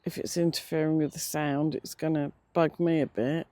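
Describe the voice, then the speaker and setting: An older English vlogger talking casually and reflectively outdoors, pausing often, with slightly slurred, toothless-sounding words. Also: mid-range voice, flat delivery, dark tone, no echo. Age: middle-aged or older. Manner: hesitant, reflective, with many pauses. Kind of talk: casual unscripted vlog narration. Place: outdoors, sitting in a cemetery beside a road.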